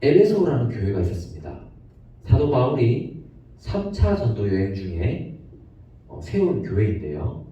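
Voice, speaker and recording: A man giving a gentle sermon to children, acting out the quoted lines as he tells the story. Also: medium pitch, wildly swooping pitch, a little slow, pauses often. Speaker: children's pastor. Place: church for online service. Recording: echoey room, distant dull mic.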